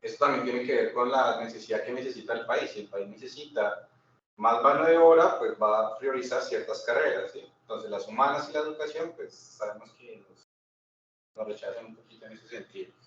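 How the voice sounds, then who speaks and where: A Colombian man presents informally at a seminar in an indoor room, talking conversationally and often checking in with listeners through short questions. His mid-range voice is brisk and a bit bright, but the room is very echoey, the mic is distant and muffled, and faint noise is present.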